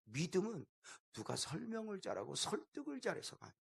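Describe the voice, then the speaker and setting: A middle-aged man preaching a revival sermon as pastor, telling stories and swinging between loud bursts and hushed quoted lines. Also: sits high, huge pitch swings, a little fast, vocal fry, slightly rough.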